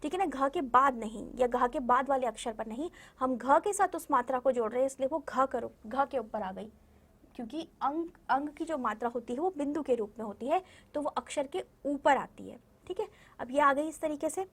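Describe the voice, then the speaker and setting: A woman with a high voice teaches a recorded lesson to small children. She speaks patiently and sounds words out slowly, repeating them. She keeps asking the class questions and answering them herself. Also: a bit bright. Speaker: primary school Hindi teacher.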